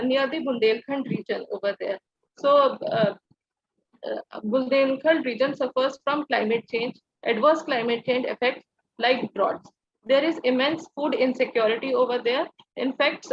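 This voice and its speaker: High-pitched, husky young Indian woman, formal candidate. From Dehradun, India. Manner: deferential, halting, addresses interviewer as sir. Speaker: civil service interview candidate. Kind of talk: formal mock interview answers. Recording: dull, lo-fi dry audio.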